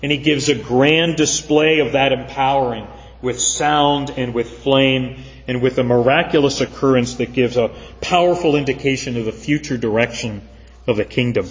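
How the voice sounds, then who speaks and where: A man preaching a sermon as pastor, earnest and measured, with frequent fillers. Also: medium pitch. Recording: dull sound, long church reverb.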